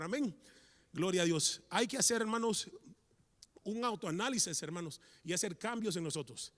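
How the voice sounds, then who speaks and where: Fervent preacher, high voice. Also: male voice. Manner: fervent, repeats "hermano" constantly, rises to shouts. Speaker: preacher at a men's church meeting. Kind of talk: sermon. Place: church hall. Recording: long church-hall reverb.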